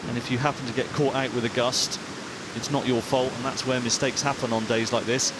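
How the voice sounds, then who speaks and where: A man works as a golf commentator, talking through play like a former player. His pitch is average and his delivery is measured and sympathetic. A clear rumbling noise sits behind his voice. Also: flat delivery.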